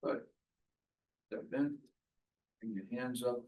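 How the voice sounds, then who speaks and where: Male movement teacher, medium pitch. Short, spaced, step-by-step instructions for a qigong class. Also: a little mellow, a little hiss or hum, rough recording. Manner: measured, step-by-step cueing.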